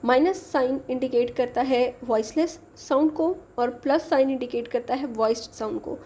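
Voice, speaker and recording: Woman lecturer, high and mellow, slow patient explainer who mixes English terms into Hindi-Urdu. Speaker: teacher. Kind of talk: exam-prep lecture.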